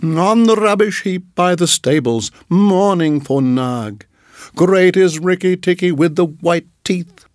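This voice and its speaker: A man voicing a feather-brained little male tailorbird who chirps in a high, excitable sing-song. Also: slow, dry recording, studio quality. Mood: excited praising.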